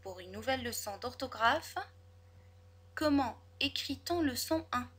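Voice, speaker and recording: A woman teaching a spelling lesson to children, sounding out each word slowly and clearly, syllable by syllable. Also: on the high side, lively intonation, fairly bright tone. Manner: slow, over-articulated, syllable by syllable.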